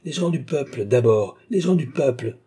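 A man's voice: mid-range voice, fairly even intonation, brisk, dark tone, husky, natural voice. A man reading aloud and playing a proud, self-important young surgeon who declaims to a crowd. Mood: declaiming.

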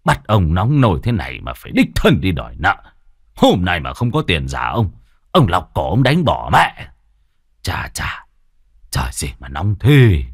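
A man voicing a gruff, greedy old moneylender. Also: low-pitched, expressive, slow, bright, forceful tone, dry recording, clean studio sound, exaggerated voice. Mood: irritable. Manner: gruff, cursing, muttering. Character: greedy lecherous rich old male village moneylender.

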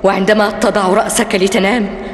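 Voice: medium pitch, little pitch movement, a little fast, natural voice. Radio drama, solemn elder parent voice acted charging a son, big echoey reverb. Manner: grave, incantatory.

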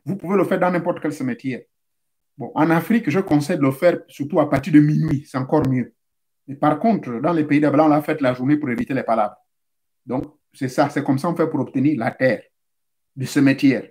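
Male spiritual teacher, high voice, didactic, talks straight to listeners, repeats steps. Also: fairly quick, a little mellow. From Central Africa. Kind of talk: instructional talk.

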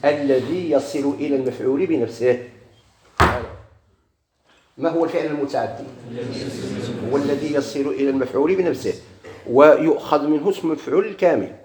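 A man with a Moroccan Arabic accent teaches grammar at a fairly quick pace, his slightly high voice broken by frequent pauses. He poses and answers his own questions while repeating key words, in an echoey room with faint noise.

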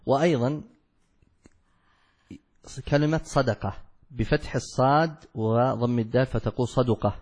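A man's voice: medium pitch, a little mellow, breathy edge. A man teaching a classical Arabic law text, explaining it step by step and asking and answering his own questions. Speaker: sheikh teaching a fiqh text. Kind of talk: classical Arabic study lesson.

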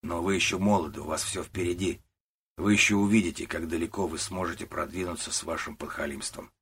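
Brief: old male laborer, around sixty, slow and low, quietly defiant, voiced by a male narrator. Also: fairly even intonation, slight background noise. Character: stubborn old male warehouse worker, about sixty.

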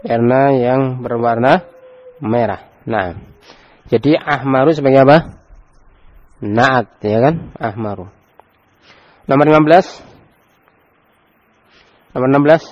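Slow and often pausing, a medium-pitched male voice comes through dull audio. The speaker, an Islamic teacher with an Indonesian Javanese accent, teaches Arabic grammar while questioning students and having them read aloud.

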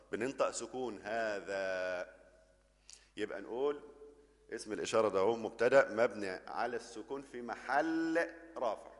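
A man's voice: lowish voice, big-room sound. A man with an Egyptian accent teaching an Arabic grammar lesson, explaining step by step and often checking that the class follows.

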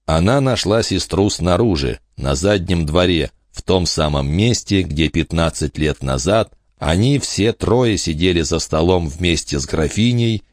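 A man narrating a storybook in an expressive reading style, voicing many characters. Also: sits low, a little slow, hardly any pauses, no room sound, studio quality. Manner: expressive reader doing many voices. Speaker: audiobook narrator.

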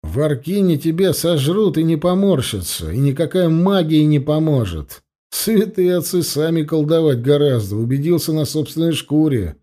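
A man reading an audiobook, voicing a calm, dry-witted male necromancer with a measured, sardonic manner. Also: on the high side, voice pushed up, lightly acted. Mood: stern.

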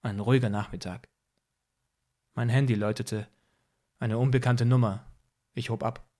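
A man reading a first-person audiobook in a calm, even storytelling manner. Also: medium pitch, moderate pace. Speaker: audiobook reader.

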